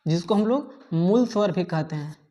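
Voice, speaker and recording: A woman teaching a grammar lesson, dictating notes slowly and repeating each point with frequent checking fillers. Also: lowish voice, expressive, mellow, muffled recording.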